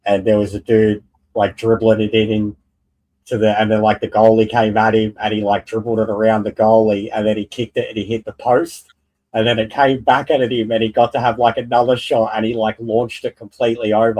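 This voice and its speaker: A man's voice: on the low side, darkish tone, rough recording. A man as a guest in a casual sports and wrestling chat, talking in a blunt, slangy, sweary way.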